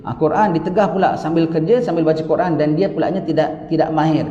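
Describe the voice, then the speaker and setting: A man's voice: on the high side, fairly even intonation, fast talker, mellow. A man with a Malaysian accent giving a religious lecture, reading from a book and then explaining it with asides and rhetorical questions. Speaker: religious teacher. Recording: dull lo-fi recording in an echoey hall.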